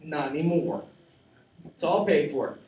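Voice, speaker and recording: A man's voice: a little high, expressive, a little slow, darkish tone. Rambling, profane man in his forties on stage. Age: 40s. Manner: rambling, profane and self-mocking. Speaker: stand-up comedian. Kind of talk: open-mic stand-up set. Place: small cafe stage. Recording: echoey room, mic at a distance.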